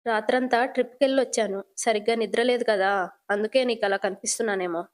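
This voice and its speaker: A hot-tempered but loving young grandson speaks, read by a woman in her own voice. The voice sits a little high, and the lines are delivered plainly in the reteller's everyday voice. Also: fairly even intonation, fast, close to an everyday voice. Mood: tired.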